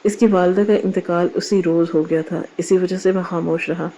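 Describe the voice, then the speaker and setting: A woman reads a moral story aloud in an even, measured way. Her voice sits low and sounds mellow and warm. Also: lo-fi sound, a little hiss or hum. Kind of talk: scripted story narration.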